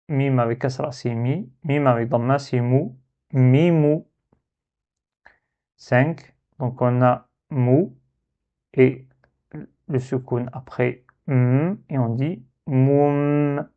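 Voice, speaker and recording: Speaking with a warm, medium-pitched voice, a man patiently teaches a recorded reading lesson, stretching out and repeating syllables for learners. The lo-fi recording sounds slightly dull.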